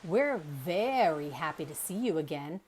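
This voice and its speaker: A woman voicing a bossy young female bear in a storybook reading, with a sarcastic, loud delivery. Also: medium pitch, very animated, measured pace, husky.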